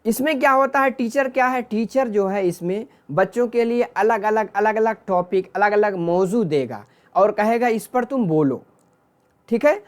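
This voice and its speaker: A man's voice: high-pitched, normal speed. Guy teaching an exam-prep class, goes step by step, keeps checking in, swaps terms between urdu hindi and english.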